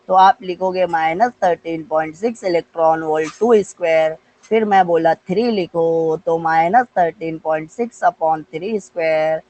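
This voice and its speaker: A man's voice: high voice, a little mellow, low-quality recording. A male physics teacher with an Indian accent, giving an online live class and coaxing students with questions. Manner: mixes Hindi with English terms.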